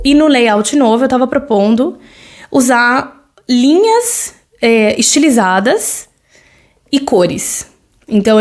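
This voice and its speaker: With a fairly high-pitched voice, this solo podcast host, a Brazilian woman in her thirties with a Brazilian Portuguese accent, keeps things loose and conversational. Her talk is peppered with fillers and tag questions.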